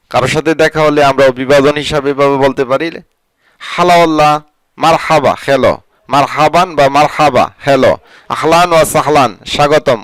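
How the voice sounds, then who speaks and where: A man's voice: mid-range voice, dry recording. A man teaching a scripted vocabulary lesson, saying each phrase, repeating it and explaining its meaning. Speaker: language teacher.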